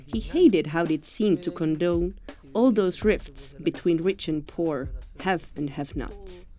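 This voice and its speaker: A woman from Finland reading a scripted documentary narration as a reporter, calm and measured. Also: lowish voice, faint music behind.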